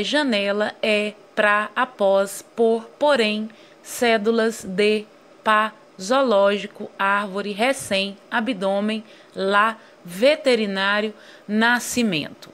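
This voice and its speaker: Brazilian schoolteacher walking kids through a worksheet, unhurried and careful, light noise behind. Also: female voice, medium pitch, fairly bright tone. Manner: slow, careful, stretching key words for young pupils. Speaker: teacher. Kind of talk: reading out and explaining worksheet exercises.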